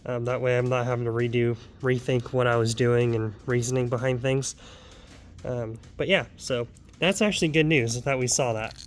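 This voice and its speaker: With slight background noise, a young car vlogger in his home garage chats loosely about his car work, sounding a bit wheezy and sick and dropping many ums and side remarks. His voice sits mid-range, fairly even in intonation, at a moderate pace.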